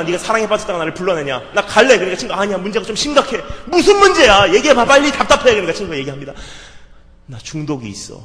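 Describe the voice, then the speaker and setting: Fervent man preaching in an echoing hall. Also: slight background noise. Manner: swings between soft low asides and loud fervent outbursts. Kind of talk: sermon with acted dialogue. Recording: reverberant hall.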